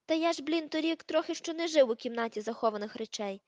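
Draco Malfoy, a woman doing a sharp arrogant teen boy. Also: sits high, fairly quick, no echo, highs cut off, pitched above the performer's own voice. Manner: sharp, irritated, commanding.

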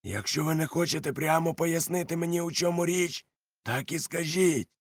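A man voicing a sly grown pirate cook with a high, strained pleading voice, in a storybook reading. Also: normal speed, no room sound. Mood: agitated.

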